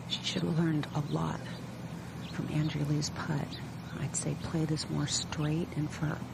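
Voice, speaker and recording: A woman's voice: sits low, level tone, a little slow. A woman working as a golf commentator, giving explanatory live analysis of play. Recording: clear background noise, outdoor ambience. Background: outdoor ambience noise.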